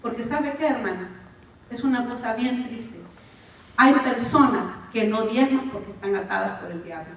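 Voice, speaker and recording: A woman preaching a sermon in a church, her delivery swinging between emphatic rises and quiet drops. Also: a little high, moderate pace, gravelly. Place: church sanctuary. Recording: echoey far-off church mic, dull sound.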